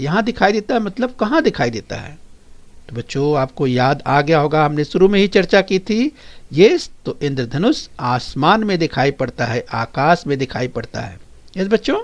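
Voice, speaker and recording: A man teaching a recorded lesson to young children, singing a poem slowly and then coaxing them to repeat words after him. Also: high-pitched. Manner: coaxing, addresses the children directly and often. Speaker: primary school teacher.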